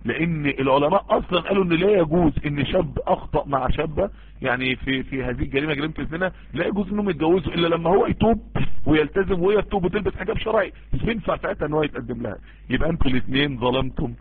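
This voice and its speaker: Fast-talking Egyptian preacher on a tinny line. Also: male voice, a little high, slight background noise. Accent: Egyptian Arabic. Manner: earnest, emphatic, addresses listeners directly and repeats for stress. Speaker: preacher answering listener messages. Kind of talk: informal Islamic sermon and advice.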